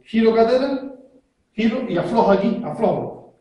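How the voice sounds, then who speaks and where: A man teaches self-defense moves one step at a time and keeps checking that his learner is following. His voice sits fairly high. It rings out in a strongly echoing room. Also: expressive, moderate pace, highs cut off, slight background noise. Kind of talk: hands-on technique demonstration. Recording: very echoey room.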